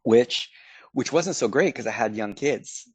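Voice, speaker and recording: A man's voice: mid-range voice, animated, measured pace, husky, no room sound. A middle-aged man from Canada, a podcast guest telling stories in a chatty way and acting out his own past remarks. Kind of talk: casual storytelling.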